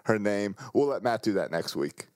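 A man's voice: lowish voice, lively intonation, moderate pace, a little mellow, dry recording. A male podcast co-host chatting casually with dry, teasing humor. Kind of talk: casual chat.

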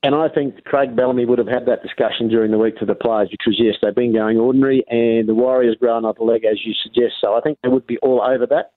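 A man's voice: medium pitch, fairly even intonation, fast, hardly any pauses, no room sound. An Australian man giving casual, colloquial rugby league commentary as a tipster, on a tinny line.

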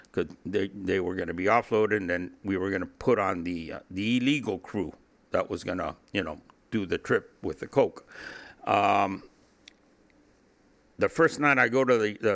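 A middle-aged Cuban man, a former drug trafficker appearing as an interview guest, speaks in a fairly low, creaky, slightly bright voice. He tells a first-person story in a casual way, acting out the dialogue as he goes.

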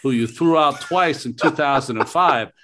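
A man's voice: medium pitch, normal speed, pushed and bright, a little hiss or hum. A man co-hosting a podcast who chats casually and asks long, multi-part questions. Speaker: podcast co-host, former player. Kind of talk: casual interview chat.

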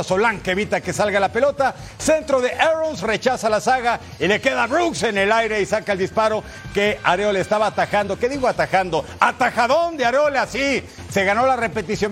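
High-voiced man narrating football highlights. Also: fairly bright tone. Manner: colloquial, exclamatory, addresses the viewer directly. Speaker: sports highlights commentator.

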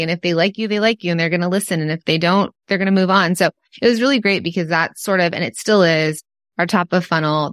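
Valley girl type california woman on a podcast, lowish voice, candid casual chat, dry sound. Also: fairly bright tone, no room sound. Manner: candid, informal. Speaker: podcast guest, entrepreneur.

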